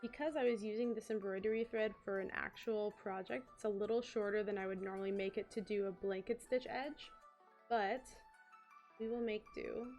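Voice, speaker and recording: A woman's voice: mid-range voice, fairly even intonation, moderate pace, darkish tone, soft background music. A woman streamer chatting casually as she works on a craft. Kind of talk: casual chat while crafting.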